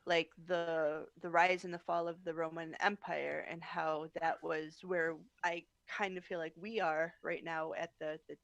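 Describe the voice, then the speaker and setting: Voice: medium pitch, flat delivery, unhurried, gravelly, few pauses, a bit bright, no echo. A speaker chatting casually in a tentative, reflective way. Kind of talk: casual chat.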